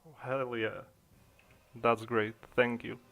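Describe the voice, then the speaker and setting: A young man with a Czech accent chats casually on a livestream, speaking slowly and hesitating often. His voice is gravelly with a fry, and his delivery stays fairly flat. He talks into a desk microphone. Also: medium pitch. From Czech Republic. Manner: hesitant, thinking aloud with many fillers. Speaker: streamer. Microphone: desk microphone being adjusted in streaming software.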